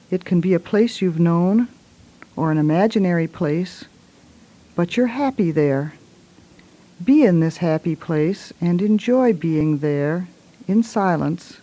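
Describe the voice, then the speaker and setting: A woman leads a guided relaxation in a soft, hushed voice, giving gentle, soothing instructions in short phrases. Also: lowish voice, lively intonation, takes it slowly.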